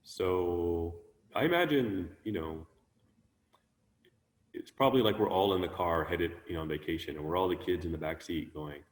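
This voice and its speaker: A man giving a relaxed, conversational Buddhist teaching online, musing aloud with many ums and restarts. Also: low-pitched, normal speed, big-room sound. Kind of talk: conversational dharma talk. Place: online talk, sharing his screen.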